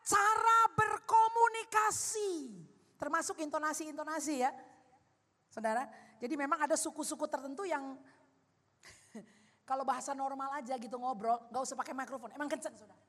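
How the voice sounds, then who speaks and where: A woman pastor, preaching a sermon loudly and with animation, adding playful asides. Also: high-pitched, steady tone, brisk, long pauses. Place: large church hall. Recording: long hall reverb.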